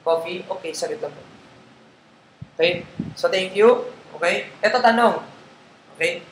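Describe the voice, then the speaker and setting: Unhurried and high-voiced, a network marketing trainer coaches a live group in relaxed Tagalog laced with English, regularly checking in with those listening. The audio is echoey, with faint noise in the background.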